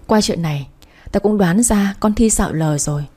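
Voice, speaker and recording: A woman's voice: mid-range voice, moderate pace, a little mellow, husky, close to an everyday voice. A woman voicing a bitter elder sister who speaks bluntly and harshly, full of scorn. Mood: bitter confession.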